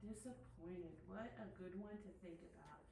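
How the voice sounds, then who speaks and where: A woman's voice: lowish voice, moderate pace, background noise. A woman presenting a parent workshop, speaking to the audience with frequent questions and checks like "okay?". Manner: engaging, asks the audience often. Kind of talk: interactive workshop talk. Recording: echoey room from a distance.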